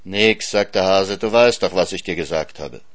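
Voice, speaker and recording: A man's voice: sits low, normal speed, dry recording. A man reading a story voices a sly hare who teases and tricks a hyena. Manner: teasing, smug, sly.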